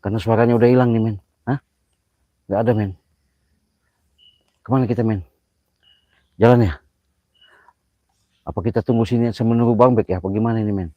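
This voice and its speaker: Deep-voiced man on a ghost hunt. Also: steady tone, brisk, pauses often, no room sound, highs cut off. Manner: shouts challenges at spirits, muttered prayers between. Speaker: paranormal vlogger. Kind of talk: live-streamed night ghost-hunting vlog. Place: outdoors on a hillside near a ravine at night.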